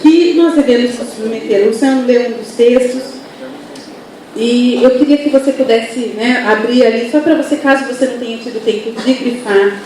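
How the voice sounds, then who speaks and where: A woman's voice: on the high side, moderate pace, dark tone. A woman with a Brazilian accent giving earnest, conversational teaching at a church family seminar, often asking "né?", recorded from far off in a very echoey hall with faint noise. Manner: earnest, conversational, frequent "né?" tags. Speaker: pastor's wife speaking at a church family seminar. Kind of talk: sermon-style teaching with anecdotes. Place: church auditorium.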